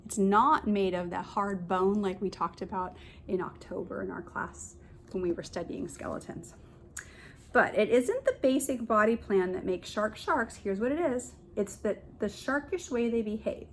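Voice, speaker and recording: A woman with a middle-pitched voice reads a picture book aloud at a moderate pace, sounding like a kindergarten teacher. She often stops to explain and point things out in simple words for young children. The homemade-sounding recording has some background noise.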